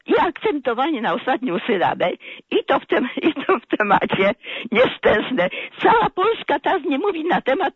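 A woman's voice: fairly high pitch, husky, no room sound. An older woman from Poland calling in to a radio talk show, complaining in an indignant, rambling way. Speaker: caller. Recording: muffled phone line, dry.

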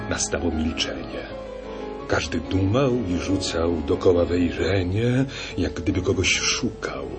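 A man giving a theatrical reading of epic verse for an audiobook. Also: deep voice.

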